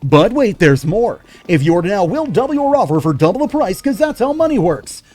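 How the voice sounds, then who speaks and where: A man voicing a loud, over-the-top male radio car-ad announcer in a mock radio ad. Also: very animated, fairly quick. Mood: salesy. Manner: over-the-top salesy pitch.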